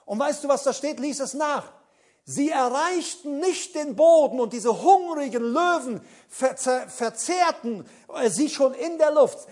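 Male pastor preaching, very high voice, dramatic, retells Bible scenes, lively swings. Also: measured pace. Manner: dramatic, acts out Bible scenes, addresses listeners directly; emphatic, hesitant with fillers when recalling details. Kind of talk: sermon.

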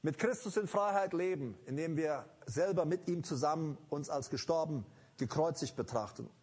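A man's voice: a little high, moderate pace, darkish tone, slightly rough. A man preaching a sermon, earnest and emphatic, speaking directly to his congregation.

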